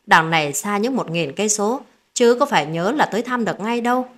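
A woman's voice: medium pitch, lively intonation, a little fast. A woman telling a first-person family drama story in a dramatic reading style. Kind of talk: scripted narration.

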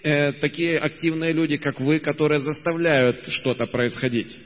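A man's voice: a little high, fairly even intonation, moderate pace, long reverb tail, rough recording. A man interpreting a motivational talk phrase by phrase, hesitant, with frequent filler sounds and self-corrections. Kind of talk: consecutive interpretation.

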